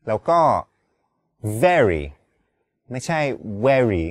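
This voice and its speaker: A man's voice: medium pitch, big pitch swings, rapid-fire, fairly bright tone, no echo. A man teaching English, explaining words and pronunciation carefully and politely.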